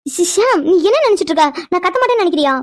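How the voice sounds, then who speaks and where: Woman doing a flustered young woman in a cartoon, super high quick voice, keeps stammering and protesting. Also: animated. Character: young woman Aishwarya, sulky and easily upset. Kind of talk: cartoon voice acting.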